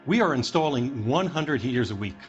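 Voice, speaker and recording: A man's voice: medium pitch, expressive, fairly quick, highs cut off, soft background music, close to an everyday voice. A man playing an evasive, defensive 1940s business boss in a video game, hedging as he answers. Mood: matter-of-fact. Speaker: heater company manager.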